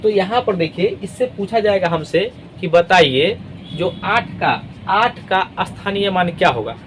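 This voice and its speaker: High-voiced male math teacher, patient. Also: slight background noise, low-quality recording. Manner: patient, step-by-step explaining, often checks with "ठीक है ना"; reads digits out slowly one by one. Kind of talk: classroom math lesson.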